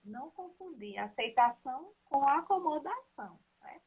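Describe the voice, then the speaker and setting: A woman's voice: high voice, lively intonation, normal speed, darkish tone. A woman hosting a casual live talk, explaining at length and often checking in with "né?". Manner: explanatory, leans on "né?" and "então, assim". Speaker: host of a live discussion. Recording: dull lo-fi live stream audio.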